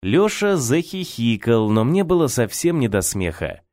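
A man reads a first-person audiobook with a wry, ironic lilt and lively, varied pitch. The recording is close and dry, with no room sound. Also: unhurried, no echo. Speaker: audiobook reader.

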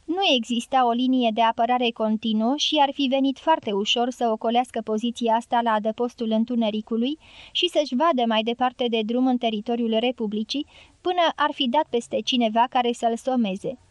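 A woman narrates a novel in a calm, measured audiobook reading. Her voice is high, and the recording is close and dry with no room echo. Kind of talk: scripted narration.

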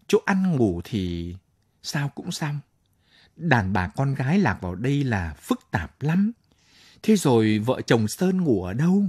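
A man narrating a late-night audio story in a calm, measured way. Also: mid-range voice, slightly rough, no echo, clean studio sound. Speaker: story reader.

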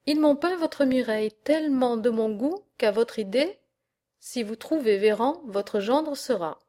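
A woman's voice: a little high, unhurried, mellow, natural voice. A proud, forthright young herdsman from the marshes, speaking boldly to an older farmer, as a woman reader gives him voice. The voice stays close to her own, with only a light touch of character. It suits an audiobook of a verse tale. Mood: eager. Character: proud young male horse herder, bold suitor.

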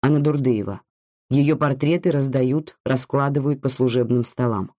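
A narrator reading a literary story in a steady, even manner. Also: mid-range voice, normal speed, dry recording, clean studio sound.

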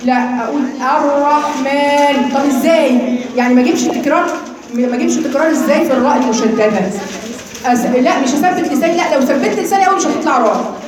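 Fast high-voiced Egyptian woman teaching. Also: a crowd in the background. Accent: Egyptian Arabic. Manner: explains then demonstrates sounds slowly, quizzing students. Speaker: Quran recitation teacher. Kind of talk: live class lecture on tajweed. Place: classroom or hall with students. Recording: very echoey room with people around.

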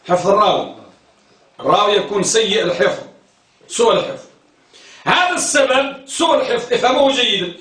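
A man's voice: sits high, pushed and bright. A man teaching a class, quizzing his students and repeating key terms. He often tells them to focus. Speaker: teacher of hadith terminology. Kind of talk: classroom lecture with questions to students. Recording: roomy, from some distance.

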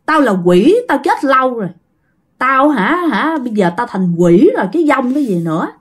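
A woman's voice: a little high, expressive, moderate pace, husky. A woman voicing the furious ghost of a girl who drowned, ranting scornfully through a possessed old woman.

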